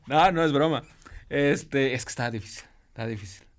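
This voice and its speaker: A man's voice: mid-range voice, moderate pace. A man with a Mexican accent co-hosting a casual football talk show, talking with many fillers and hesitations. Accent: Mexican Spanish. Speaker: sports show co-host.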